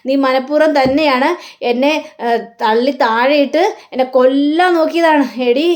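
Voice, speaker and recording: Woman doing bitter old mother-in-law, accusing, complaining, high voice, serial retelling. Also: fairly even intonation, normal speed, darkish tone, close to an everyday voice.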